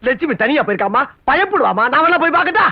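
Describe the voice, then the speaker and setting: A man's voice: extremely high pitch, sing-song, fast, dry recording, exaggerated voice. An actor playing a wisecracking, sly father-in-law in a comic film with a lo-fi, dry soundtrack.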